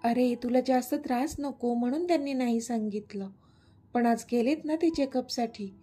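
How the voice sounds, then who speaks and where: A woman voicing a calm, caring middle-aged mother who explains things soothingly. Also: on the high side, normal speed, soft background music, natural voice.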